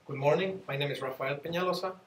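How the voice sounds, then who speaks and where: Man, slightly high voice, halting business pitch, roomy echo, distant mic. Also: a little hiss or hum. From Chile. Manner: halting, searching for words. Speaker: student presenter. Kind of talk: team business presentation.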